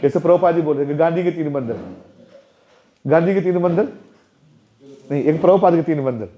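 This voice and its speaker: A man's voice: fairly high pitch, very fast. A man who is a temple president giving an interactive spiritual talk to parents, often asking the audience questions in a playful, chatty way. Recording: dull lo-fi recording.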